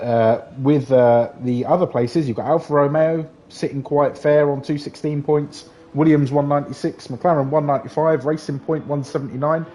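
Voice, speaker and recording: Male sim-racing commentator, London accent, mellow tone, banter-heavy delivery. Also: mid-range voice. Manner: chatty, jokey banter with co-host. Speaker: race commentator.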